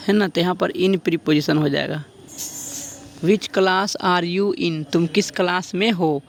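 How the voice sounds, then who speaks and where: A man teaching an exam-prep grammar lesson, drawing out example sentences slowly as he dictates them. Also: fairly high pitch, vocal fry.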